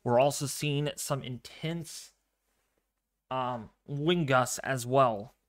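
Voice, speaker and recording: Calm, quiet and fairly flat in delivery, a man runs a live severe weather broadcast, offering commentary and talking with viewers. His pitch sits in the medium range, his words are clear, and he speaks slowly.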